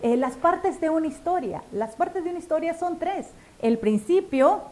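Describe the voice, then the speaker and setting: A woman teaching church teachers how to tell children's stories, talking to the listener directly and with expressive tone. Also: very high voice, normal speed. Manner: warm, expressive, addresses listener directly as friend. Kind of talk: instructional talk.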